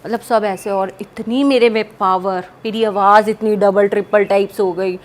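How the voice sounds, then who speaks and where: A young woman telling an interviewer about a personal paranormal experience, animated and vivid, acting out what others said. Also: medium pitch, moderate pace. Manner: animated, vivid storytelling with quoted dialogue. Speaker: guest.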